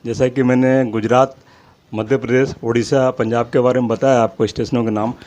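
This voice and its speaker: A man's voice: medium pitch, flat delivery, a little fast, a little mellow. Man steadily reading out a long list. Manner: apologetic about his pronunciation. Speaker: channel host. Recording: slightly dull lo-fi audio.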